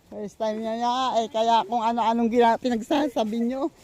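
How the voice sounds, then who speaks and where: A woman's voice: a little high, fairly even intonation, moderate pace, a little mellow. Breathless older woman vlogging outdoors. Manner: rambling, many fillers and restarts while walking. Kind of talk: casual vlog thank-yous and chat. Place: outdoors in rural countryside.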